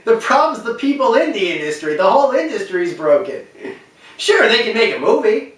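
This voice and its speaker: His voice sits high with big swings in pitch, slightly bright, at a moderate pace. The man, a video commentator, gives an emphatic unscripted opinion talk about film and games, repeating phrases for stress, recorded on a distant mic in a very echoey space.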